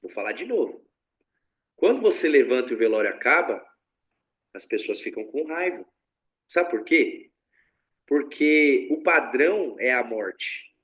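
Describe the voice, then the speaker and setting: A man's voice: medium pitch, measured pace, long pauses. A man teaching tantra in a casual spiritual talk, blunt and slangy, often swearing and acting out what other people say. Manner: blunt, slangy and profane, animated, acts out quoted voices.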